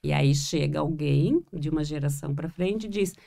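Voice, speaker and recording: A woman's voice: low-pitched, normal speed, creaky, warm tone. A woman from Florianópolis with its local accent, a therapist co-hosting a podcast, talking reflectively and hesitantly with many fillers. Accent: Florianópolis Portuguese. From Florianópolis, Brazil. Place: small room with three people.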